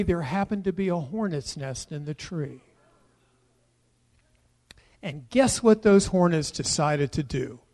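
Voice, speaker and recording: Male pastor preaching a sermon, slightly high voice, swings from soft asides to loud proclamations, talks directly to the congregation. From United States. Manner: tells personal stories and asks the congregation questions.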